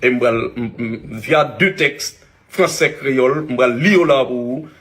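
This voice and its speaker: A man with a Haitian accent, an influencer giving a halting public video apology with many restarts. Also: mid-range voice.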